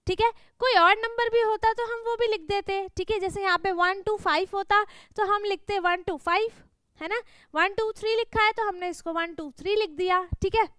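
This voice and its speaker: A woman's voice: extremely high pitch, fairly bright tone, no room sound. A woman maths teacher, patiently explaining a worksheet to children and often asking whether they follow. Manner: patient, repeats "thik hai?" and "hai na?" to check understanding.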